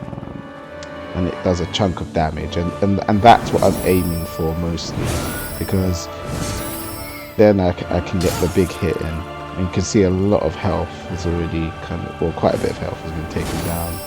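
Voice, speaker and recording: A man's voice: deep voice, steady tone, normal speed. A man giving casual gameplay commentary in an explanatory, conversational way. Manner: explanatory and conversational, often tagging on "you know". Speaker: gaming video commentator. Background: music under the voice.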